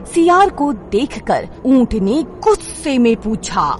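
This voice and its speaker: A woman narrating a children's moral story in a scripted, expressive way. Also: a little high, slow pace, a little hiss or hum.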